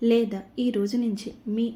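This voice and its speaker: A woman's voice: on the high side, flat delivery, measured pace, mellow. A woman narrating a scripted devotional message in an earnest tone, repeatedly addressing the listener as mother.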